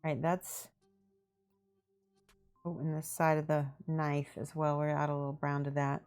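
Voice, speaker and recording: Unhurried and low-pitched, a woman with a Midwestern American accent paints miniatures on a live stream while casually explaining each step. Faint music sits behind her voice. She's relaxed, thinking aloud and saying hi to chat viewers.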